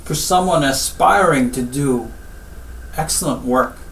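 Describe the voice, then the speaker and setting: A man from Guyana, a spinal surgeon, giving measured advice in an interview and often repeating what he tells his patients. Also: mid-range voice, vocal fry, a bit bright, slight background noise. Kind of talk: interview answers. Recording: roomy, distant mic with faint ambience.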